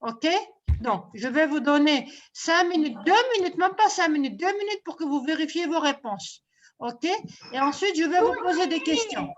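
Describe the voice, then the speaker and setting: A woman's voice: high-pitched, animated, moderate pace, muffled recording. A woman teacher running an online vocabulary lesson, patiently repeating each word pair and praising her pupils often.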